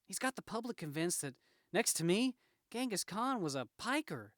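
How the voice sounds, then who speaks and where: A man's voice: high voice, big pitch swings, moderate pace, fairly bright tone, dry recording, studio quality, pitched above the performer's own voice. A man voicing a wisecracking comic-book superhero, cocky and aggrieved, in a theatrical, quippy manner. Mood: aggrieved, complaining. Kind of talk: comic book read aloud in character.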